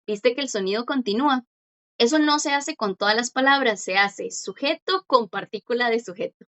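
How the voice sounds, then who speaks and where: A woman teaching a language class online, patiently explaining and slowly repeating words for her students. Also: fairly high pitch, sharp tone, dull audio.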